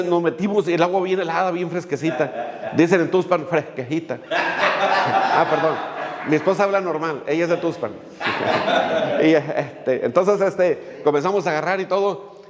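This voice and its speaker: A man's voice: a little high, a little mellow, in a large hall. A male pastor, preaching a sermon in a folksy way, with many fillers and little jokes as he tells a story.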